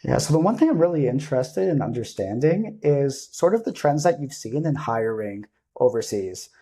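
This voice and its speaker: Male podcast host, mellow and slightly husky, upbeat and chatty. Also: medium pitch, sing-song, normal speed. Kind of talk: casual interview.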